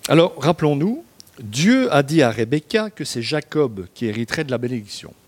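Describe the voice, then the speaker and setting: A man's voice: mid-range voice, big pitch swings, a little fast. A man reading a Bible passage aloud and breaking off for chatty, wry, informal commentary full of little tag words.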